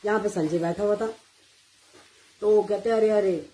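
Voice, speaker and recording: A woman's voice: medium pitch, moderate pace, dark tone, rough recording. Middle-aged woman telling a devotional story. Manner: mixes Hindi and English, retells dialogue animatedly. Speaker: devotee sharing a satsang testimony. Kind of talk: personal storytelling.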